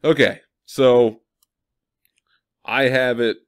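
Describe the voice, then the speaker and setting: Speaking very slowly in a smooth, mid-range voice with fairly even intonation, a young farmer vlogger from the Midwestern US talks viewers through his reasoning while stuffed up from a cold. He says "um" a lot and keeps correcting himself. The recording is dry and studio quality.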